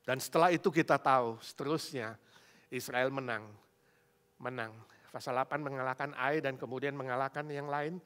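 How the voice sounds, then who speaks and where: A male pastor preaching a sermon in a lively, colloquial way, addressing the congregation directly and punching key words. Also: medium pitch, moderate pace, smooth. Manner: animated, colloquial, emphatic, addresses listeners as "saudara". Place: church.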